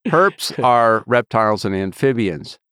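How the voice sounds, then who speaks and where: A man chats as a podcast co-host, his voice smooth and resonant and a little lower than usual. He talks in a rambling, halting way, full of fillers and restarts. The sound is dry and close. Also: expressive, a bit bright, no echo. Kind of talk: casual chat.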